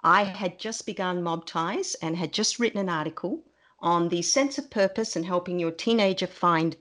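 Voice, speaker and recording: A woman speaks as a podcast host, introducing and interviewing a guest. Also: mid-range voice.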